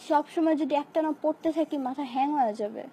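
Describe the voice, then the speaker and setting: A young woman with a high, mellow voice that is hoarse from a sore throat. She chats casually and playfully with her viewers, dropping English phrases into her replies. Faint background noise sits under the recording. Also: a little fast. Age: young adult. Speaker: live-stream host reading viewer comments. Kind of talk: casual live chat answering comments.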